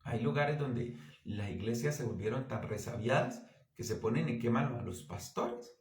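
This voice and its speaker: Male pastor, mid-pitched, earnest exhorting sermon, echoey church room. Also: normal speed. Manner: earnest, exhorting, with lively anecdotes.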